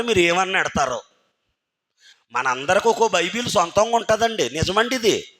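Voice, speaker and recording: A man's voice: high voice, fairly bright tone. A man preaching a sermon in a church, firing rhetorical questions at the congregation and urging them to think carefully. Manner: keeps firing rhetorical questions at the congregation and calling on listeners by name. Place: church hall.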